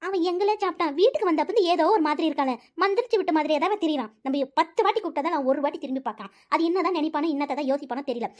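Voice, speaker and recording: Lady voicing a nagging cartoon mom, very high and super fast. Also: natural voice. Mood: scolding. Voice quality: shrill, fast scolding. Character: scolding middle-aged village mother. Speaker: cartoon voice actor.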